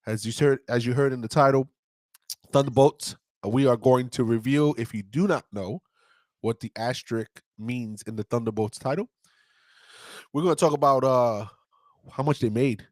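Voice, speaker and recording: A man co-hosting and producing a casual podcast, excitable, laughing often and repeating his words. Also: medium pitch, moderate pace, no echo.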